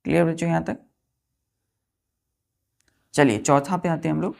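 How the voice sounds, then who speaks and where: Woman teacher, low gravelly voice, slow and repetitive, questions her class. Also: fairly even intonation, a little mellow. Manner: slow, explains each word twice, asks the students questions. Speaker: English vocabulary teacher. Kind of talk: classroom lesson for exam students.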